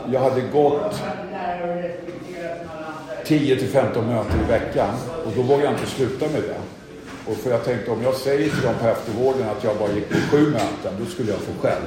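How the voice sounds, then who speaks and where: A middle-aged man tells his own recovery story in a candid, self-deprecating way. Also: mid-range voice. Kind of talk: personal testimony talk. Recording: echoey hall with audience.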